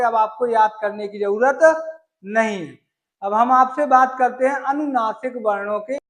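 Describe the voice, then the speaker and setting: A man's voice: high voice, echoey room, rough recording. A male Sanskrit teacher from gives an exam-prep lesson, using homely examples and asking and answering his own questions.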